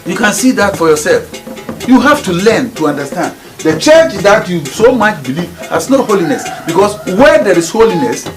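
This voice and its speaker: A man with a Ghanaian accent delivers a preaching lecture at normal speed, his high-pitched voice very animated. His spiritual teaching is emphatic and repetitive, restating each point to drive it home.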